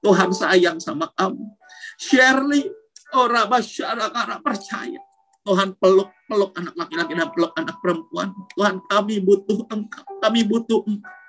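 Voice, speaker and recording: Lively youth pastor, man. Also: sits high, moderate pace, faint music behind, low-quality recording. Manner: casual and lively, Jakarta slang, calls out names while praying. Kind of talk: youth sermon and prayer in tongues.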